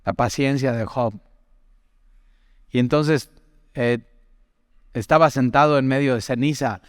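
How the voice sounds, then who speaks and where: A young man delivers a casual, conversational sermon with a smooth, resonant voice. He tells personal stories and keeps asking the listener questions. The mic is close and dry, with a long reverb tail behind it. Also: mid-range voice, measured pace. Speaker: preacher.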